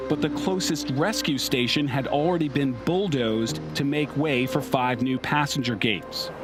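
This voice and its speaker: A man's voice: mid-range voice, a little slow, over music. An American man, an investigative reporter, reading a scripted news exposé voice-over.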